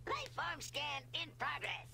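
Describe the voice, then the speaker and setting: A woman voicing a calm, machine-like female custodian in a video game, speaking like a measured ship computer reading out procedures. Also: sits high, creaky, a little hiss or hum, exaggerated voice.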